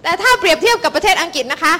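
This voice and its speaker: A woman interprets a preacher's sermon for the congregation in a high, bright voice. She speaks rapidly and expressively, often addressing the listeners directly. The hall gives her voice a long reverberation. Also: animated, a little hiss or hum.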